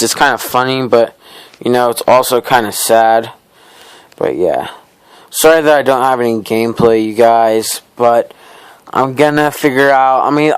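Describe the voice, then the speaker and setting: A man's voice: mid-range voice, clear, resonant tone, no echo. A teenage boy vlogging, telling a school story in a casual, rambling way full of "like". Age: teens. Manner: rambling, heavy use of "like"; laid-back, wry.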